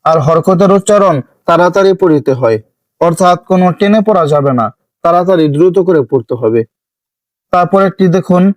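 A man from Bangladesh leads an online Quran reading lesson. He has a fairly high voice and drills letter sounds in a steady, repetitive rhythm. The recording is dry and close. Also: no room sound, low-quality recording.

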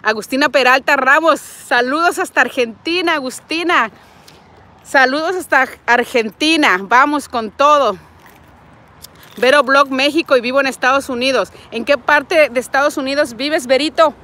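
Her tone turns sharp in this clip, high in pitch with a moderate pace. The forty-something Mexican Spanish speaker from Nayarit keeps up a warm livestream chat, saying hello to viewers and reading what they write. She records outdoors, moving between a parking lot and a street, with a wired earbud mic and her phone at arm's length.

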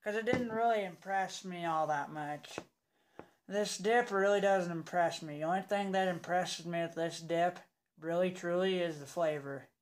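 A young man giving a casual, rambling review in a halting, unimpressed way, talking with a lip packed full of dip. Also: high voice, slight background noise. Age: young adult. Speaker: product reviewer. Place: indoors in a home room.

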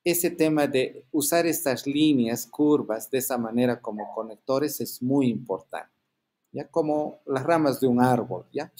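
A man's voice: mid-range voice, a little mellow. Man teaching an online class. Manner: explanatory, frequent tag questions.

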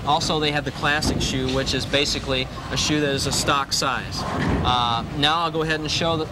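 It's very noisy in this indoor bowling alley clip, where a man in his thirties, a pro bowler, walks through grips and shoes and repeats the key points. He wears a lapel mic, and his higher-pitched voice stays fairly even while running a little fast.

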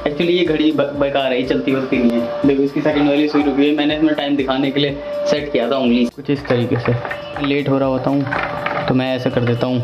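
A man's voice: mid-range voice, level tone, a little fast, muffled recording. A young man in his twenties chatting playfully to viewers in a casual home vlog, narrating what he is doing and slipping English words into his talk. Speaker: vlogger. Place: family home, indoors. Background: background music.

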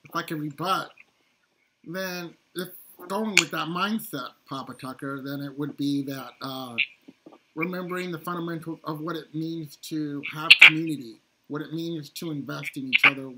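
A man's voice: a little high, steady tone, moderate pace. A man in a casual video-call book discussion, speaking hesitantly with many fillers. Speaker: book club member. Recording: loud background noise on call.

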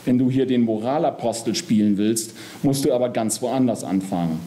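A man's voice: fairly high pitch, fast, a little mellow, pitched above the performer's own voice, lightly acted. A man voicing a crooked, defensive businessman who whines and protests in a storybook reading. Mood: indignant. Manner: indignant, whining.

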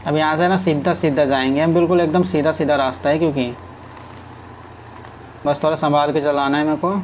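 A man talks his way through a driving game in a loose, chatty flow, urging his truck along and talking to viewers. His voice sits a little high. Faint game sounds hum underneath. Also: steady tone, a little fast, low-quality recording. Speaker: gaming streamer. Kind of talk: casual gameplay commentary.

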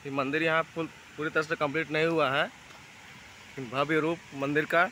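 A man's voice: on the high side, flat delivery, normal speed, pushed and bright. A man narrating a travel vlog outdoors at a forest waterfall, enthusiastically inviting viewers along. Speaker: vlogger. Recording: outdoor phone audio with background noise.

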